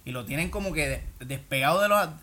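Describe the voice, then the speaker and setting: A man's voice: on the high side, lively intonation, fast talker, pushed and bright. A man with a Puerto Rican accent co-hosting a casual comedy podcast, irreverent and profane with a mock-solemn delivery. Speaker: podcast co-host.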